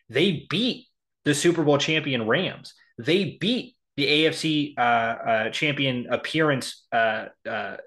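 A man's voice: mid-range voice, a bit bright. A man co-hosting a sports podcast, talking casually, rattling off statistics with frequent ums and restarts. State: has the hiccups. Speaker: podcast co-host. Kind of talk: casual sports prediction talk.

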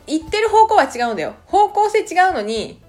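A woman co-hosting a podcast, chatting casually with lots of laughter and quick reactions. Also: extremely high pitch, big pitch swings, darkish tone, soft background music. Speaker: podcast co-host. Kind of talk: casual chat.

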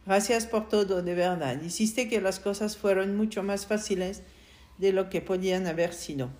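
A calm young woman facing her end with quiet resignation, read by a woman in an audiobook. She speaks softly and gently, in a mid-range voice, without drama. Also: mid-range voice, moderate pace, natural voice. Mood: quiet, resigned. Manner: soft, quiet delivery. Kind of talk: audiobook reading.

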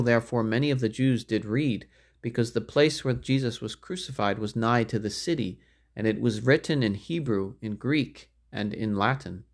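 Sex: man. Style: solemn scripture reading. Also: mid-range voice. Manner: measured, solemn phrasing of archaic verse. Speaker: Bible reader.

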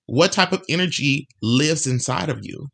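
A man hosting a solo motivational podcast, talking earnestly and encouragingly, repeating phrases for emphasis and slowing down on key words. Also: fairly high pitch, animated, gravelly, fairly bright tone. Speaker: podcast host.

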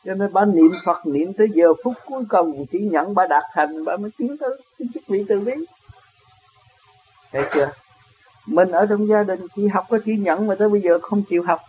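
A man's voice: high voice, moderate pace, darkish tone, a little hiss or hum, low-quality recording. A man with a Southern Vietnamese accent giving a dharma talk as a spiritual teacher. He answers a question, chuckles often and keeps asking his listeners rhetorical questions.

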